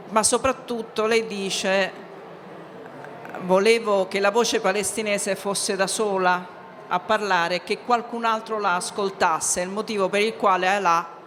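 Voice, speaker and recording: A woman moderating a panel at a book event, speaking in a measured way with frequent hesitation sounds. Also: medium pitch, fairly bright tone. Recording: reverberant hall with faint background noise.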